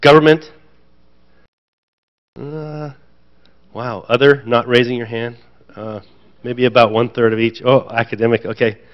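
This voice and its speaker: A man's voice: medium pitch, fairly even intonation, unhurried, long pauses. A man speaking as a panel speaker at a conference, chatty, with light self-deprecating jokes. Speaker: panel speaker, association president. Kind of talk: conference remarks. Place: conference room with audience. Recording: dull lo-fi event audio.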